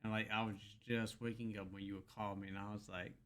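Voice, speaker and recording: Smooth, low-voiced man recounting casually. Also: little pitch movement, a bit bright. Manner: hesitant, halting with "um" and "like". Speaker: podcast co-host. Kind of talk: casual chat, telling a story.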